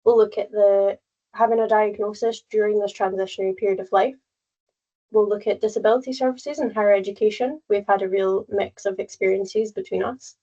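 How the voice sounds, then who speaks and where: A young woman in her late teens co-presents a webinar over a video call. She runs through the agenda briskly and in plain terms. Her voice comes through slightly muffled. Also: medium pitch, fairly even intonation, mellow.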